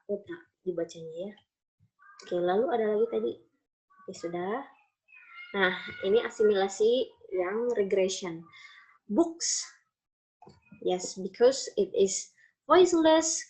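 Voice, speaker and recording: Woman teaching phonetics, slow careful english examples, kinda dull lo-fi sound. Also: medium pitch, a little mellow. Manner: switches between Indonesian explanation and slow, stressed English examples. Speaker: phonetics lecturer. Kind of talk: classroom lecture on connected speech.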